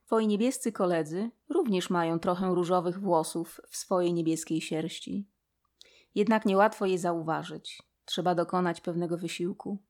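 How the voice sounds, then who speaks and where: Woman voicing a soft, patient mouse god. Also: fairly low pitch. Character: wise, gentle female mouse god, patient.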